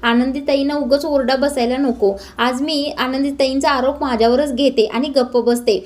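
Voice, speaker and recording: A woman's voice: high voice, fairly even intonation, lightly acted. A woman voicing a frightened, loyal woman servant. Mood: nervous. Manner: nervous, hurried.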